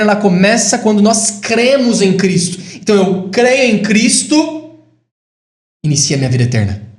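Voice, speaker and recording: A man preaching a sermon in a high voice, recorded in an echoey room. He builds to emphatic declarations and then drops into quiet, reflective asides.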